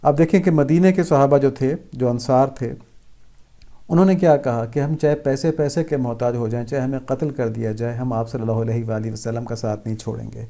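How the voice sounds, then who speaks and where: A man's voice: mid-range voice, fairly even intonation, dark tone. A man giving a patient religious lesson, explaining step by step and repeating key phrases for emphasis. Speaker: religious teacher. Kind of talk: religious instruction talk.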